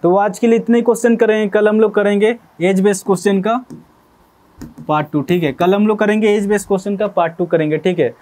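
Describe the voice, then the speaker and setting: A man's voice: sits high, fairly even intonation, quick pace, a little mellow. A young man teaching a maths lesson step by step, often checking in with "okay?". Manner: explanatory, repeats "theek hai" to check understanding. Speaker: math teacher.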